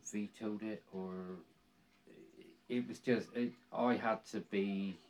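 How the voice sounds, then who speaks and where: A man in his sixties with a Cornish accent, talking casually in an interview in a halting way, circling back over his phrases. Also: on the low side, steady tone, darkish tone. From Cornwall, England. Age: 60s. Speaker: interviewee, volunteer woodland ranger.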